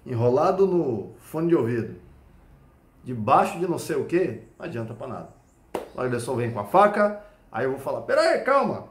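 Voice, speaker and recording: A Brazilian man, a Krav Maga instructor, explaining a point through an animated personal story and often checking whether the listener follows. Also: mid-range voice. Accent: Brazilian Portuguese. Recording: echoey room.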